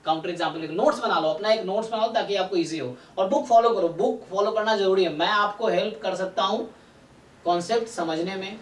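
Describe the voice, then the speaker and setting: With a high voice and a brisk pace, a man teaches statistics in a live online math class, going step by step and regularly asking how his students are doing. The mic sits far away, giving the sound a roomy echo.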